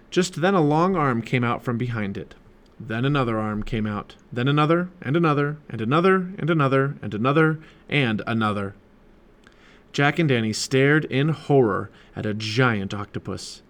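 A man reading a children's chapter book aloud as a parent, in an animated storytelling way. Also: medium pitch, moderate pace.

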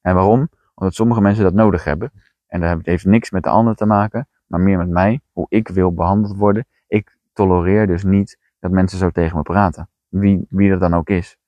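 Deep-voiced blunt Dutch-speaking coach. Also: male voice, steady tone, brisk, dry recording, muffled recording. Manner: direct, blunt, plainspoken. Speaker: podcast host and coach. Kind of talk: coaching monologue.

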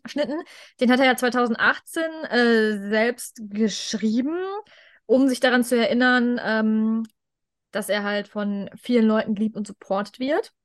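A woman's voice: on the high side, no echo, clean studio sound. A young adult woman co-hosting a podcast, talking casually as a fan with English words dropped into her German. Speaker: podcast co-host.

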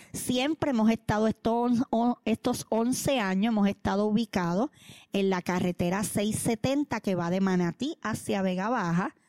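A middle-aged woman pastor with a Puerto Rican accent, sharing a personal testimony in a playful, expressive storytelling way with touches of humor. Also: mid-range voice, no room sound.

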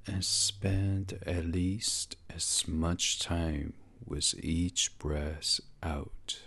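This sleep meditation is led by a low-pitched man whose intonation stays fairly even. He sounds breathy and unhurried, giving soothing instructions in a hush that often drifts into a whisper.

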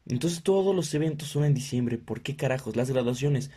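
Swearing Mexican guy ranting, husky dark voice. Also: mid-range voice, moderate pace. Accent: Mexican Spanish. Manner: profane, ranting, animated impressions of others. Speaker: podcast host. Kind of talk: casual comedic monologue.

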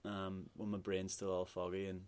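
A man, a musician, chatting casually in an interview, relaxed and hesitant with many fillers. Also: low-pitched, moderate pace, clear, resonant tone. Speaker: musician guest.

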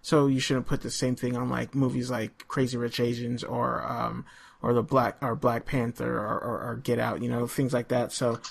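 A man's voice: medium pitch, flat delivery, moderate pace, vocal fry. Host, male, mid voice, casual and rambling, lots of ums. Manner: rambling, hesitant, many fillers. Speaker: podcast host. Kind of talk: casual podcast chat.

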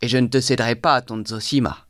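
A man's voice: mid-range voice, steady tone, fast, fairly bright tone, dry recording, studio quality, close to an everyday voice. A man reading aloud, voicing a bitter young intellectual who talks in a feverish, exalted monologue.

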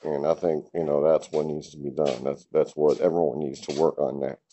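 A man's voice: a bass voice, flat delivery, fairly quick, mellow, a little hiss or hum. A man hosting a casual solo podcast from his garage, rambling loosely with lots of fillers and casual swearing. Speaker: podcast host. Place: home garage.

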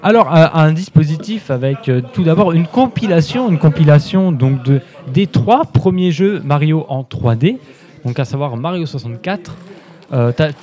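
A man's voice: fairly high pitch, animated, moderate pace, a little mellow. A man presenting a gaming segment on the radio in a casual, chatty way, with frequent laughs and fillers.

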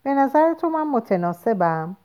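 A woman's voice: sits high, big pitch swings, dark tone, pitched above the performer's own voice. A woman reading a storybook aloud, voicing a carefree, easily anxious young woman who pleads in a raised voice. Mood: coaxing.

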